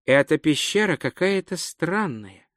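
A man voicing Abitan, an uneasy male bandit who speaks in a hushed way in a storybook reading. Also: fairly high pitch, lively intonation, a little slow, no room sound, studio quality.

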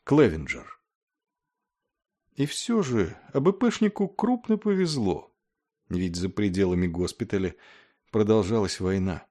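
Expressive male audiobook narrator. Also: lowish voice, measured pace, long pauses. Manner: dramatic, emphatic narration.

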